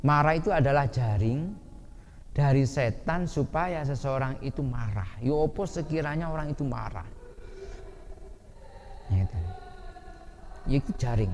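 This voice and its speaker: A man with a Javanese accent giving a lively Islamic study sermon, asking his listeners questions and acting out angry shouting. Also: mid-range voice, slight background noise. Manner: lively, asks the audience questions, acts out shouting. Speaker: ustadz teaching a hadith class. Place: boarding school study hall. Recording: reverberant hall with faint ambience.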